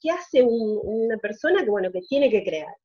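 A woman with a somewhat high voice interviews her guest, asking long, winding questions. She backs his answers with short affirmations, and her audio sounds dull and muffled. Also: expressive, normal speed, breathy edge. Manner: asks long winding questions, frequent "ujú" backchannels. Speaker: interviewer, host. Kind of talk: conversational interview.

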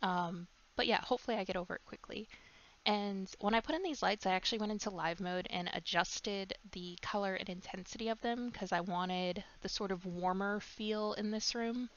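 A young woman with a stuffy nose giving relaxed, chatty voice-over commentary on her game build, full of ums and likes. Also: medium pitch, normal speed. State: stuffed up with a cold. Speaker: gaming YouTuber. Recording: slightly dull lo-fi mic.

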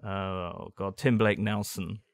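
A man with a low voice talks through a film in a loose, rambling podcast chat, sinking quieter whenever he goes off on a side thought. The sound is dry and close. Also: little pitch movement, unhurried, no echo. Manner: rambling, drops voice low on asides. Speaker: podcast co-host. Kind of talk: casual film discussion.

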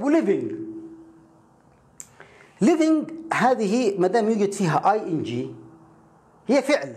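Animated male teacher, echoey room. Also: high voice. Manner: animated, rhetorical questions. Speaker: English teacher. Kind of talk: explanatory lesson.

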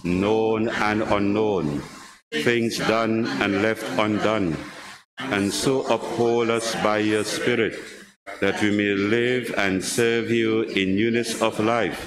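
Slow solemn man at a pulpit microphone. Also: fairly low pitch, steady tone, crowd noise. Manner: measured, solemn recitation. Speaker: officiant leading worship. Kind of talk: liturgical reading. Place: church. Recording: long church reverb with background hiss.

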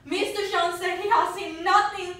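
A woman acting a stage monologue as a grieving young woman who confronts her mother, speaking slowly and quietly. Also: extremely high pitch, steady tone. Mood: grieving, haunted. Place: acting class room. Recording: roomy distant room mic.

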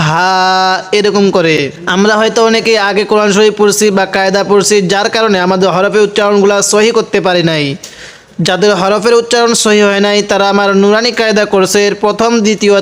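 A man teaching Quran reading, spelling out letters and vowel marks and then chanting the words slowly, asking questions and answering them himself. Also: sits high, fairly bright tone, clear, resonant tone. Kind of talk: step-by-step recitation lesson.

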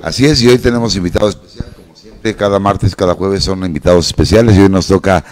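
A man's voice: deep voice, fast talker, darkish tone. A Mexican man hosting a live radio talk show in a chatty, ringmaster-like announcing manner. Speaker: radio show host and clown. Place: office-like room, seated at a table. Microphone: handheld microphone.

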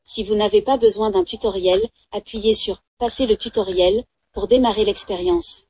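A woman voicing a helpful robot assistant that guides players, reading calm instructions as game voice-over. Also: mid-range voice, moderate pace, a little hiss or hum, lightly acted. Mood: instructive.

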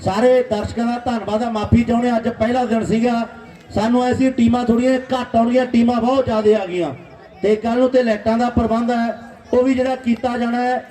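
Male event announcer, high-pitched, polite delivery, echoing public-address sound from a distance. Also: fairly even intonation, quick pace, dark tone. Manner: polite, thanking and requesting. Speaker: tournament announcer and organiser. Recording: echoey outdoor PA, distant mic.

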